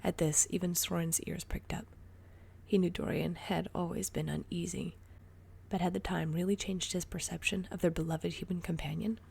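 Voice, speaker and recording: A woman reading a story aloud in a soft, breathy whisper. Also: lowish voice, level tone, moderate pace. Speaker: story reader.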